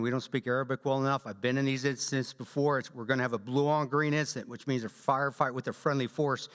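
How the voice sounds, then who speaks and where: A man giving a talk at a church, telling a combat story in an animated way and acting out quotes. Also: mid-range voice. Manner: animated storyteller, acts out quotes, laughs often. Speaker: guest speaker. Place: church hall. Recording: long hall reverb.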